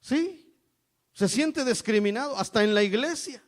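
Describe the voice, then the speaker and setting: High-voiced man preaching a sermon. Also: lively intonation, a little slow. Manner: repeats "hermanos" constantly, emphatic preaching. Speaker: evangelist preacher.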